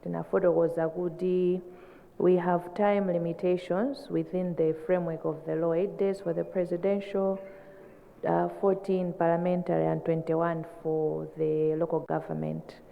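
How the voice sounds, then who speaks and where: A woman with a Malawian accent answering formally at a press briefing as an election official, in a measured, explanatory way, mixing two languages. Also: on the low side, little pitch movement, vocal fry. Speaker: election commission chairperson. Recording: echoey hall, thin phone-like sound.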